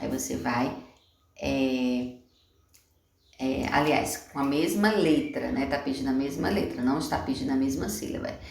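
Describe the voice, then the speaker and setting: Low, gravelly woman teacher. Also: slight background noise. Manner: slow, patient, explaining word by word with questions. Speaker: primary school teacher. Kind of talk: recorded homework lesson for children. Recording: echoey room, voice from a distance.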